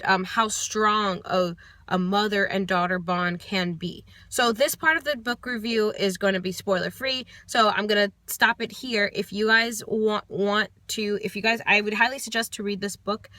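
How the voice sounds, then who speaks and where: A young American woman reviews a book casually from her parked car, thoughtful and hesitant with many ums and restarts. Her voice is medium-pitched, bright and forceful, and the recording is dry.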